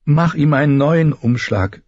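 A pleading young queen, as a male narrator puts her on, her voice raised and a little husky. She speaks slowly but urgently, with a lively rise and fall. The recording is dry and slightly dull. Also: mid-range voice, no room sound, voice pushed up. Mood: pleading, desperate.

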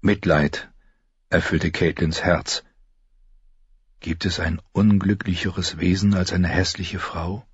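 Male audiobook narrator, low husky voice, measured; dry, dull studio sound. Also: dry recording. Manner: even, measured storytelling. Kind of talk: scripted narration.

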